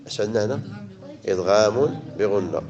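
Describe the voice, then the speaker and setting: A man with a Moroccan Arabic accent teaching a tajweed lesson to a class. He recites verses slowly, stretching the sounds, then explains the rules briskly to his students. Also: on the low side, muffled recording, noisy background.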